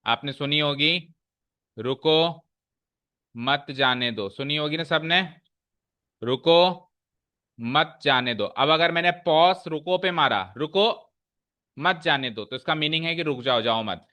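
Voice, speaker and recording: Bright-voiced male maths teacher. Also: on the high side. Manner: explains step by step, checking in with questions. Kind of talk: classroom lesson.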